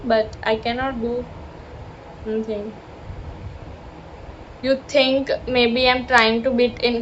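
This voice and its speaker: Her fairly high voice comes through dull lo-fi phone audio with faint street noise, recorded outdoors beside busy traffic and honking horns. A young adult vlogger from South Gujarat, she speaks Indian English with a Gujarati influence, rambling and apologizing, self-deprecating and filler-heavy.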